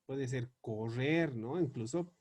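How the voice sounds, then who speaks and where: A man teaching English grammar, spelling out example questions slowly and word by word as he writes them up. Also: medium pitch, darkish tone. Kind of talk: explaining grammar on a board.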